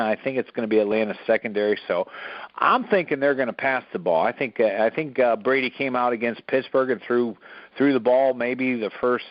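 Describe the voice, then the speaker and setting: A man's voice: mid-range voice, dry recording, highs cut off. Hesitant man on a sports talk show. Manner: halting, many fillers.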